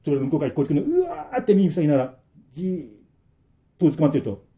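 A man's voice: a little high, very fast, dull audio. A man narrating a ghost story dramatically, acting out sound effects as he goes.

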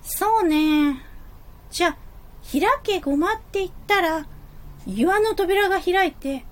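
A woman playing a cheeky, scheming office lady in a comic stage play, blunt, teasing and theatrical. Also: extremely high pitch. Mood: brazen, greedy.

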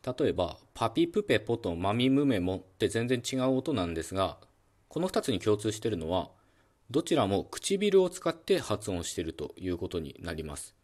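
A man with a low voice gives a calm solo talk on phonetics. He explains in a relaxed way, with plenty of fillers, and stops now and then to voice sounds himself. His pitch rises and falls a lot as he teaches. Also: a little fast. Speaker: podcast host explaining phonetics.

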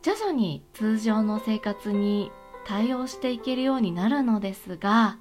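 A woman hosting a chatty solo radio talk show, speaking in a polite, gentle and reassuring way. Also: medium pitch, animated, measured pace, soft background music. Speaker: host of an aromatherapy talk show.

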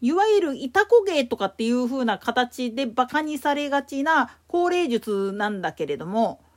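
A woman with a Kansai accent giving a solo explanatory talk as a podcast host, emphatic in her delivery. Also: moderate pace. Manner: explanatory, emphatic, lively pitch swings.

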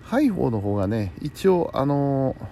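Very animated yet mellow, this man's medium-pitched voice carries some vocal fry as he speaks at a normal speed. He's hosting a bedtime talk show alone, musing to himself casually and politely in a conversational way, with faint background noise present.

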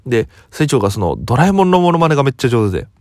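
A young comedian from Okinawa, just woken up, telling a rambling story in a relaxed solo talk. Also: male voice, mid-range voice, racing, no room sound, studio quality. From Okinawa, Japan. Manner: relaxed rambling storytelling, quoting others as he goes. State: just woken up, voice lower than usual.

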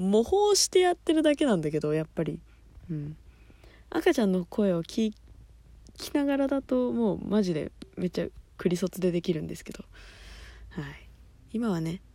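Gravelly, dark-voiced woman chatting alone. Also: on the low side, no echo. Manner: chatty, laughs often, drops to murmurs. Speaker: podcast host. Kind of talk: solo casual chat. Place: at home at night.

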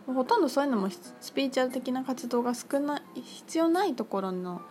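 A woman talking casually on her own about her crystal shop, chatty and full of fillers, lively when she quotes others. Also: sits high, fast talker. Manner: chatty, filler-heavy, animated quoting. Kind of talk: casual solo talk. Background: music.

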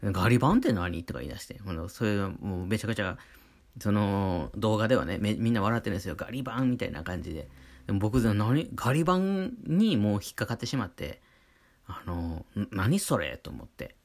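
A man's voice: on the low side, expressive, brisk, a little mellow. A man with a Kansai accent talking casually on his own show, rambling along with many fillers. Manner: chatty, rambling, full of fillers. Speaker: artist hosting his own talk channel. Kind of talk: casual solo monologue.

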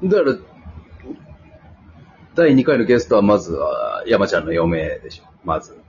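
A man's voice: low-pitched, moderate pace. A man with a Kansai accent, co-hosting a casual chat among friends and telling a story with acted-out quotes. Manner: animated storytelling, acts out quotes. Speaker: podcast co-host. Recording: dull lo-fi sound with faint noise.

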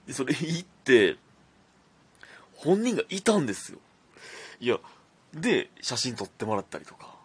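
A man's voice: mid-range voice, sing-song, normal speed, long pauses, slightly rough. A young man with a Kansai accent hosting a casual solo podcast, chatting and reading listener messages aloud. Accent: Kansai Japanese. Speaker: podcast host.

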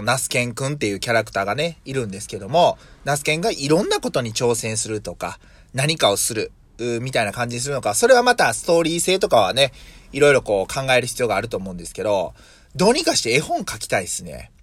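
A man's voice: mid-range voice, big pitch swings, quick pace, fairly bright tone, no echo. A man in his thirties from Mie, Japan, hosting a casual solo podcast as a vegetable farmer, thinking aloud with many fillers and self-corrections. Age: 30s.

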